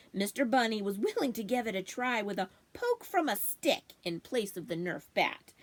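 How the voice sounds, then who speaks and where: A woman with a medium-pitched voice reads a children's storybook aloud, narrating expressively the way someone would at a library storytime.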